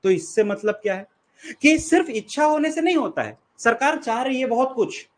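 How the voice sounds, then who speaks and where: A young Indian man giving a law lecture in Hindi mixed with English terms. He asks questions and answers them himself, and he slows down to read definitions aloud. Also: very high voice, expressive. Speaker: law teacher. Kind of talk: classroom lecture.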